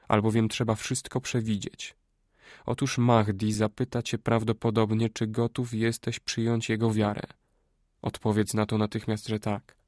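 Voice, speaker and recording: A man reading a Greek adviser in an audiobook, speaking quietly, slowly and persuasively. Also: fairly low pitch, no echo, clean studio sound. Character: a scheming older Greek man, hushed adviser.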